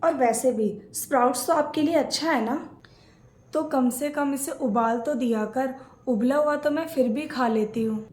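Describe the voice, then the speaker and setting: High-voiced woman acting a family skit. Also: normal speed, a little mellow, reverberant.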